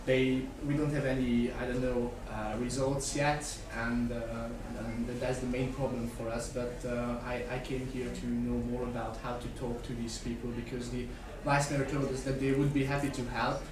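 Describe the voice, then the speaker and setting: Flat-voiced teenage man from Hungary, distant and echoey. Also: mid-range voice, moderate pace, few pauses, crowd noise. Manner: hesitant, many fillers. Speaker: student startup founder asking a question. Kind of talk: spontaneous question at a live panel. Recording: echoey hall, far mic, background noise.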